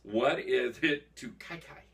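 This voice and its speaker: A man's voice: mid-range voice, slow, gravelly, fairly bright tone, distant mic. A man hosting a casual chat show, playful and teasing, laughing often. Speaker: host.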